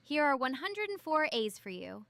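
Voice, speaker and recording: A woman's synthetic voice playing a cheerful AI chat assistant that reads out playful replies in a smooth, even delivery. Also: high-pitched, moderate pace, full character voice. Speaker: AI chatbot on a stream.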